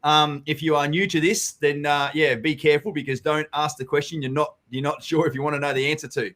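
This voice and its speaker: On a live video stream, a company general manager from Australia co-hosts a property Q&A and goes through viewer comments in relaxed, blokey talk full of swearing. His pitch is fairly high with little movement, his pace fairly quick and his tone fairly bright.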